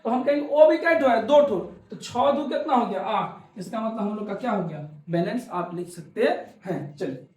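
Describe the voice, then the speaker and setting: A man's voice: sits high, animated, moderate pace, a little mellow. Male chemistry teacher, repetitive coaxing classroom talk, roomy echo. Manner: repetitive, coaxing, asks questions and answers them himself. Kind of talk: classroom lecture.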